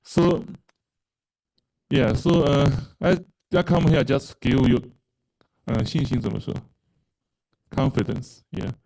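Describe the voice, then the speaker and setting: Slowly and haltingly, a man from China whose first language is Mandarin gives an earnest account of his experience in a spiritual program. Fillers and pauses come often. His voice is low in brightness, gravelly with fry, and the recording is rough.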